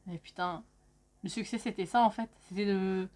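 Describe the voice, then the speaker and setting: A woman's voice: mid-range voice, steady tone, moderate pace, darkish tone. A woman from France hosting a casual language-lesson video, chatty and joking, with the odd swear word. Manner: chatty, swears, jokes with friend. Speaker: video host teaching Khmer. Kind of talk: casual educational vlog.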